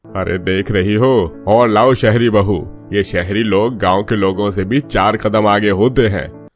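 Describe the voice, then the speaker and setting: A man's voice: on the low side, steady tone, a little slow, faint music behind, natural voice. A man voicing a grumbling, taunting older village father-in-law in a cartoon. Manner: taunting, gruff.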